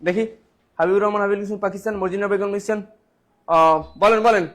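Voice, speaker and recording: A man's voice: sits high, steady tone, fast. A man, teaching a live online exam-prep class. He quizzes viewers, repeats the answers and reads out the names of commenters.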